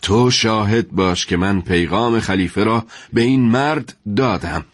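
A man's voice: fairly low pitch, no echo, studio quality, natural voice. A man voicing an earnest middle-aged male judge who pleads and reasons in a told story. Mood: firm. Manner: earnest, imploring.

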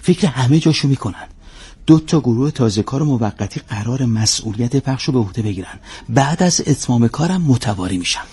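An actor playing an undercover agent giving an excited report to his superior in a radio drama. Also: medium pitch, slightly rough. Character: tense undercover male agent.

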